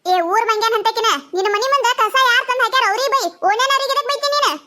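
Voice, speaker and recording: A woman voicing a sharp-tongued village neighbor in a cartoon, snapping back in a North Karnataka Kannada accent. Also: very high-pitched, fast, slight background noise. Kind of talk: cartoon voice acting.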